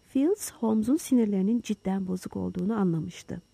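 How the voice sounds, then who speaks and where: A woman narrating an audiobook with expressive storytelling. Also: mid-range voice, a little fast, gravelly, husky, no echo. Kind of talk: scripted narration.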